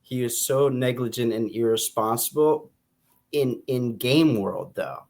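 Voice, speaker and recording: Co-hosting a podcast about a book, an American man chats casually in a halting, conversational way, often circling back to rephrase his point. His medium-pitched voice is creaky and a little mellow.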